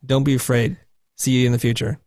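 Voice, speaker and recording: A man guest on an interview show, recounting his career with animated storytelling. His voice sits in a middle register and sounds close and dry, with no room around it. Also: medium pitch, fairly quick, no echo. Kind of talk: interview conversation.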